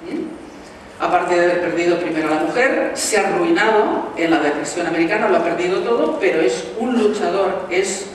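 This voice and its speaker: A woman's voice: fairly low pitch, moderate pace, slight background noise. A woman from Valencia with a Valencian Spanish accent, giving a motivational talk and firing rhetorical questions at her audience. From Valencia, Spain. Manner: lively, rhetorical questions, addresses the audience directly. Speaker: motivational speaker. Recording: echoey hall, mic from far off.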